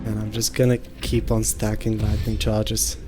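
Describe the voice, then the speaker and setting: A man hosting a gaming channel, calmly thinking aloud through his tactics as let's-play commentary. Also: lowish voice, moderate pace. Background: game music.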